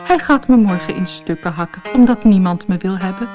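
A woman's voice: mid-range voice, a little fast, warm tone, lightly acted. A woman voicing a sad old male piano in a storybook, speaking in a plaintive, sobbing way.

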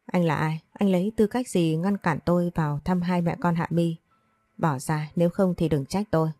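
A woman's voice: lowish voice, fairly even intonation, normal speed, dark tone, dry recording, faint music behind, close to an everyday voice. A woman reading as a stubborn, pushy young man. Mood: aggressive.

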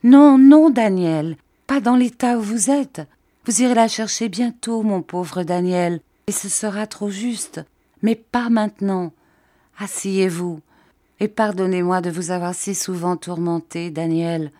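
A woman reading an audiobook, voicing a distraught old widow who pleads in a high, urgent voice. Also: little pitch movement, a little slow, dark tone, no echo, studio quality, close to an everyday voice. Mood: pleading.

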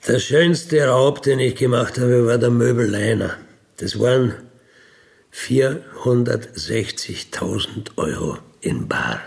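Speaking with an Austrian accent, an ex-convict who is middle-aged or older tells his own life story candidly, in plain, colloquial and unapologetic terms. His medium-pitched voice is creaky and expressive, and he takes his time. The talk is a frank conversational look back.

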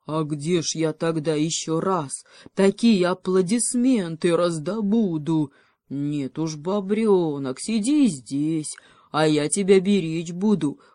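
A woman voicing a gruff big male bear who craves applause, speaking low and slow. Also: dark tone, no room sound, studio quality. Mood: coaxing.

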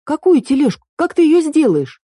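Young fairy girl, excitable and earnest, pitched high and sounding close and dry; woman storyteller voicing her. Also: no room sound. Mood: flustered. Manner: quick, fussy and earnest.

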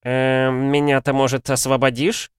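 Brief: male reader voicing a fussy, mocking alchemist, pitched well up, dry close sound. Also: very animated, moderate pace, smooth, no room sound, close to an everyday voice. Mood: sly. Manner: sanctimonious, theatrical, sly.

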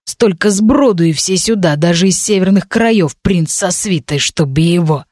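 A woman voicing a gruff, grumbling male goblin doorkeeper in an audiobook, curt and growling. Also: lowish voice, normal speed, darkish tone, dry recording, clean studio sound, lightly acted.

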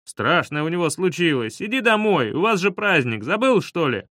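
A man's voice: medium pitch, expressive, no echo, studio quality, natural voice. A man doing a cocky, teasing schoolboy. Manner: brisk, teasing, bossy. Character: cocky schoolboy friend Vitka, hiding in bathroom. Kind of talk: audiobook reading.

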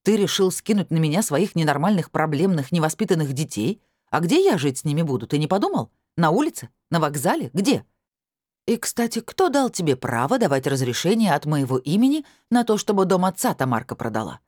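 A woman's voice: sits low, big pitch swings, a little fast, a little mellow, dry recording, clean studio sound. A woman reading an audiobook voices its indignant first-person heroine, scolding and listing her demands in a raised voice. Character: sharp-tongued indignant woman bargaining hard.

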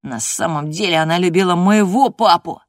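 A woman's voice: on the low side, moderate pace, dry recording, clean studio sound, natural voice. A woman reading an audiobook voices a sickly, spiteful teenage boy who whines and taunts. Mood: taunting. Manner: whiny and taunting.

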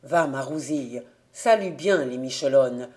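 A woman reading the part of an elderly peasant father, speaking slowly and gravely. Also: very deep voice, a little mellow, voice pushed down. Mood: solemn.

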